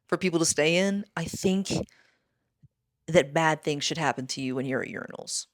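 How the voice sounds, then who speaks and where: A woman co-hosting a casual comedy podcast, out of breath from high altitude, rambling and swearing as she rants, recorded on a handheld mic in a makeshift hotel-room studio. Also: moderate pace, dry recording. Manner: rambling, profane, ranting with laughs. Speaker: podcast co-host.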